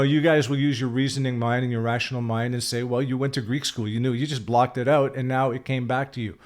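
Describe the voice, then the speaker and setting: Speaking at an ordinary middle pitch with a darkish tone, a sixty-year-old Canadian spiritual vlogger delivers a reflective solo talk. He's loose and full of fillers and self-corrections, and gets emphatic when he disagrees.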